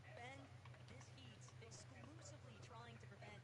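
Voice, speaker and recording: A woman calling live esports action, quickly narrating fights and eliminations. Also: a little high. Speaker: esports commentator. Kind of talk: live play-by-play commentary. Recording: crowd noise behind the voice.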